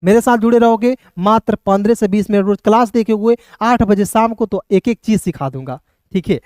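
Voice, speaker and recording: A high, clean male voice with a darkish tone, slightly fast, comes through a clean studio recording without echo. He is teaching an English lesson in classroom fashion, explaining step by step, asking questions, and often calling viewers friends.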